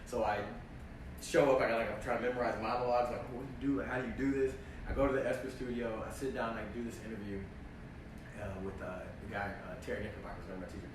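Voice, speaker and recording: A young man telling a story in casual chat, animated and full of "like", acting out his own reactions. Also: medium pitch, racing. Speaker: actor telling a story on a livestream. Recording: echoey, distant mic, faint noise.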